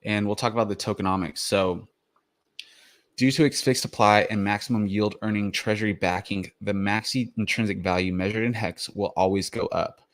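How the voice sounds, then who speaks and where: A man's voice: fairly low pitch, fairly even intonation, normal speed. A man hosting a crypto explainer, talking casually with many fillers and restarts, a little out of breath after the gym. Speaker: crypto video host.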